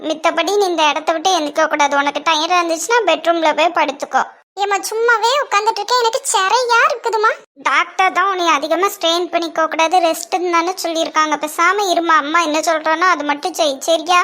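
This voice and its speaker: A woman's voice: very high-pitched, fast talker, sharp tone. A woman with a Kanyakumari Tamil accent voicing young women and a fussing mother in a family cartoon, with a scolding, teasing manner.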